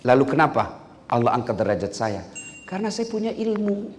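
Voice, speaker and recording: A man preaching a humorous sermon to an audience, acting out stories with shouted voices. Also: medium pitch, fairly quick, a little hiss or hum. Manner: lively, joking, acts out stories with shouted voices. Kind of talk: humorous sermon to civil servants. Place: hall with an audience. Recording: echoey hall.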